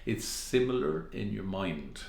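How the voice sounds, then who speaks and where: A man with a lowish voice talks at a very slow, measured pace, like a hypnotist. He explains things step by step to the listener as a therapist would. The sound is roomy and echoing. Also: big pitch swings, gravelly, a little mellow.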